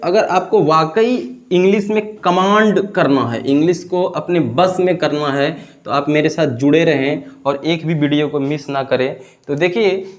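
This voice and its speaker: Male English teacher, slightly high voice, slow deliberate drills. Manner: slow, drawn-out, repeats each example and quizzes the viewer. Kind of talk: classroom-style video lesson.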